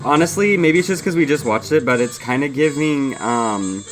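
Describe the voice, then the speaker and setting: A man hosting a reaction show, chatting casually in an excitable way and swearing freely. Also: mid-range voice, moderate pace, faint music behind.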